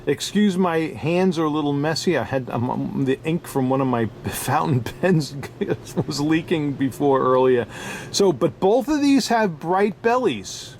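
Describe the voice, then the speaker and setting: A man's voice: on the high side, slight background noise. A man with a New York accent, a diamond dealer talking through a casual, unscripted review, chatty and chuckling often. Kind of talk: casual product review vlog.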